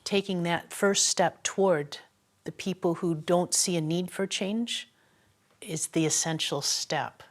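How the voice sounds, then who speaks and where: A middle-aged or older woman with an American accent, talking candidly in a measured, thoughtful way. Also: fairly low pitch. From United States. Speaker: elocution student. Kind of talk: candid conversation.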